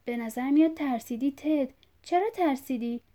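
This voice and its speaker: A woman's voice: sits high, warm tone, pitched above the performer's own voice, natural voice. A woman reading a story aloud, voicing a confused, bleeding old father who rambles and repeats himself insistently. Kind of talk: audiobook reading.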